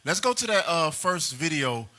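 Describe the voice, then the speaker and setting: A man's voice: on the high side, sing-song, moderate pace, pushed and bright. A man hosting a casual panel talk, emphatic and joking, with mild cursing. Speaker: show host.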